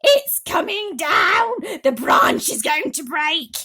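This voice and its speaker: A woman voicing a loud, greedy, excitable fat aunt from a storybook, exclaiming in shouts. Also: sits high, takes it slowly, vocal fry, pitched above the performer's own voice, exaggerated voice. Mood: alarmed.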